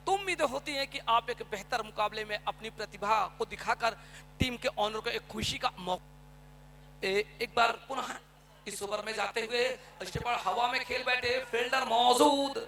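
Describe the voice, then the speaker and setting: A man giving excited live cricket commentary, with exclamatory, drawn-out calls as play unfolds. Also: very high-pitched, a little hiss or hum.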